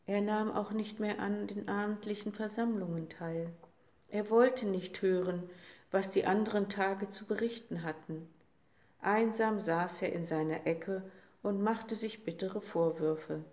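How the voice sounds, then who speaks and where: A woman reading a children's story aloud, slow and expressive, in a roomy recording. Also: medium pitch. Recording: roomy echo.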